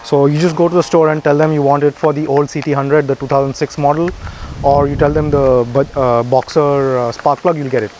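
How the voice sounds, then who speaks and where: Man explaining bike repairs, slightly high. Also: brisk, a little hiss or hum. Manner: relaxed, plain-spoken, explaining step by step. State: a bit out of breath. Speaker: motorcycle vlogger. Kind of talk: casual how-to narration. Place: outdoors beside a motorbike. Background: idling motorbike engine.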